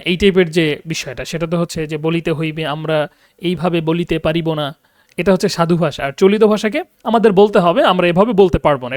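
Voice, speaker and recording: A man's voice: fairly high pitch, no echo, studio quality. A man giving an online class lecture as a teacher, explaining with many hesitant fillers and often checking that listeners follow. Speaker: Arabic teacher.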